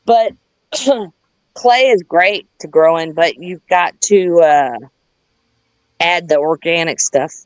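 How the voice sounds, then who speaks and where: Slow and leaving long pauses, a woman with a lowish voice and a Southern US accent rambles casually as a gardener on a livestream, folksy and plain-spoken. She's from the United States. The sound has no echo but is rough.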